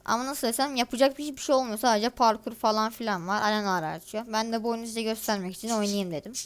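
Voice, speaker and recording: Teen girl gamer, fairly high voice, casual gameplay commentary, chatty, grumbling, exasperated, talks to viewers. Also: fast, a little hiss or hum. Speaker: gaming video creator.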